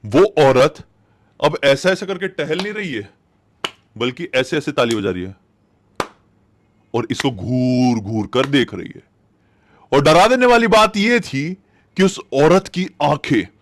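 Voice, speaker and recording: A man telling a spoken horror story in a chatty, dramatic way, with sudden loud peaks. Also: medium pitch, a little hiss or hum.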